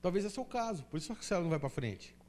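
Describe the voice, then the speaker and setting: A man's voice: high voice, big pitch swings, rapid-fire, darkish tone. A Brazilian man preaching a sermon as pastor in a church, emphatic and full of rhetorical questions. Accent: Brazilian Portuguese.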